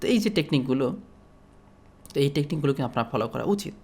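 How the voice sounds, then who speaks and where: A man from Bangladesh giving an explanatory lecture as a teacher, speaking steadily with frequent pauses and fillers. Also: medium pitch, expressive, darkish tone, husky.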